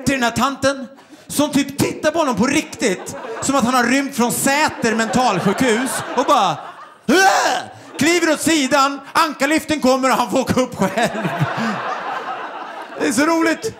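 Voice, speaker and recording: A man performing a stand-up comedy routine on stage, telling stories and mimicking people in quick bursts, with audience laughter behind him. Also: very high voice, noisy background. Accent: Swedish. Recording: live show with loud crowd.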